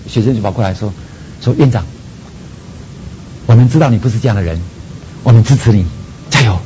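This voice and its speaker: A man with a Taiwanese Mandarin accent, a seminary president telling his own story in a sermon and acting out his prayers. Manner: animated storytelling, acts out prayers. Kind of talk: sermon testimony. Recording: dull lo-fi sound with faint rumble.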